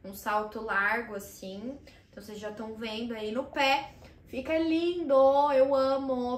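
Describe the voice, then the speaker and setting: A young woman talks fast and fondly through her haul, filling gaps with little asides. Her voice sits a touch high. The recording has a roomy, echoey sound from the room at home. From Brazil. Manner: chatty and enthusiastic, full of fillers. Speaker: vlogger showing thrift finds. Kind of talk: casual haul vlog. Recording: roomy echo in a small room.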